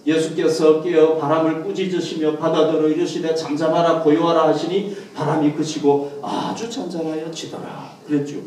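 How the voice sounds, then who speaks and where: Male pastor, animated sermon, somewhat high voice, distant mic in a roomy hall. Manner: lively preaching, acts out quoted lines with rising voice. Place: church hall, Korean congregation.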